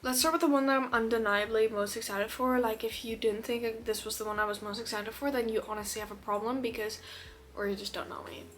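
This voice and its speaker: A woman chatting casually as a book vlogger, gushing and excitable, sometimes dropping to a whisper. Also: fairly high pitch, brisk, faint music behind. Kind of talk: casual chat. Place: her room. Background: faint rain.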